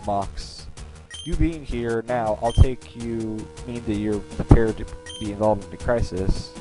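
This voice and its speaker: A man's voice: fairly low pitch, over loud music, lightly acted, poor audio. A man voicing an earnest male champion from a video game, reading steadily with small stumbles. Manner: steady, slightly halting reading of game text.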